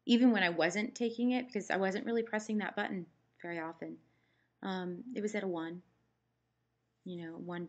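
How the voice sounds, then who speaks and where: A woman talking casually and candidly in a personal vlog, giving a health update in a chatty, matter-of-fact way. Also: mid-range voice. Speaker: vlogger giving a post-surgery update.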